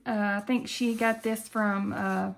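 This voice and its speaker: A woman's voice: medium pitch, steady tone, a little slow, gravelly. A woman from Tennessee with a country Appalachian Southern accent, chatting casually and folksily to viewers as the host of a budgeting video.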